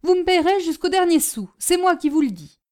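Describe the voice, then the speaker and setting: A greedy school porter barks his demands, indignant and insistent, as a woman reader voices him. The delivery is high and forceful. It has a storybook reading feel. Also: big pitch swings, a little fast.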